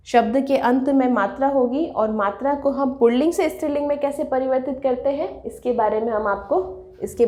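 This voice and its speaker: Woman, grammar teacher, fairly high voice, echoey room, step-by-step explaining. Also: a little mellow. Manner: explains step by step, asks and answers her own questions, says "theek hai" often. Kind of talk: classroom-style online lesson.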